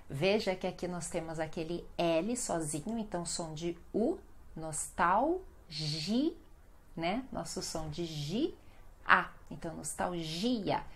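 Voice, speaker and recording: A woman teaching a language lesson, speaking clearly and slowing down to stress each syllable. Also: on the low side. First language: Portuguese. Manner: clear, deliberate, slows to spell out stressed syllables. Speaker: Portuguese teacher.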